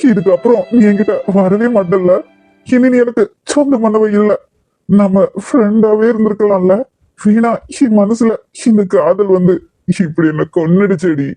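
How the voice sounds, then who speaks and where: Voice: medium pitch, dark tone, no room sound, close to an everyday voice. A performer voicing a heartbroken, stammering young man. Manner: hesitant, stammering, mournful. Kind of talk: cartoon voice acting.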